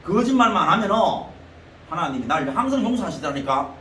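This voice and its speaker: A man with a Daegu-area Gyeongsang accent delivers a sermon, his high voice swinging widely in pitch. He speaks bluntly and colloquially, firing off rhetorical questions. The recording is echoey and distant, as if taken from far off in a church hall with faint hiss. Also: big pitch swings, fairly quick, sharp tone. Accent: Gyeongsang (Daegu) Korean. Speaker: pastor. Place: church sanctuary.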